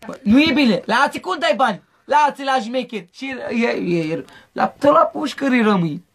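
A man's voice: very high voice, animated, gravelly, a bit bright, slightly rough. A man from Mehedinți in a street interview, rambling and repeating his pleas over and over. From Mehedinți, Romania. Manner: rambling, repetitive pleading.

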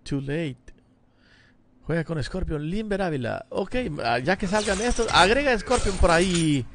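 A middle-aged Salvadoran man streams a fighting game from his home gaming room, chatting casually and greeting viewers by name over a headset mic. His voice sits high and sounds animated at a measured pace, with a little hiss or hum. Game music plays loudly behind him, along with sound effects.

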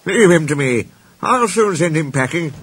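A man's voice: sits high, very animated, moderate pace, pushed and bright, slightly rough, voice pushed up, full character voice. A man doing a cocky, snooty storybook steam engine. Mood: self-important. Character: boastful conceited male engine.

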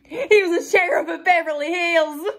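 Woman doing a young cult girl, bragging all cold and flat, then gets excited, script reading. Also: medium pitch, unhurried, natural voice. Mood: boastful. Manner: boastful, coldly matter-of-fact with bursts of excitement. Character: callous young woman cult member, gleeful about violence.

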